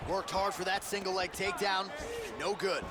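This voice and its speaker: A man's voice: high-pitched, fairly even intonation, normal speed. A man giving play-by-play sports commentary on a fight.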